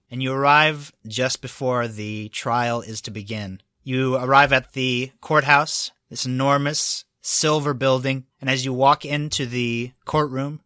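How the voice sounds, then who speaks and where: A man's voice: medium pitch, sharp tone, clear, resonant tone. A man running a tabletop game as game master, laughing often as he narrates.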